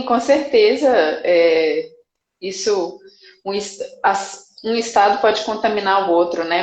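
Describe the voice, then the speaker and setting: A woman, a psychologist guest, speaking thoughtfully and calmly on a live video call. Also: medium pitch, roomy sound, low-quality recording. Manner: thoughtful, measured, some restarts. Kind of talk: casual reflective live chat.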